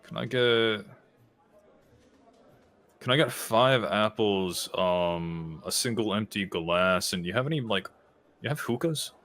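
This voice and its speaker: A man's voice: lowish voice, animated, slow, long pauses, a bit bright. A man playing a tabletop role-playing game in casual, half in-character table talk.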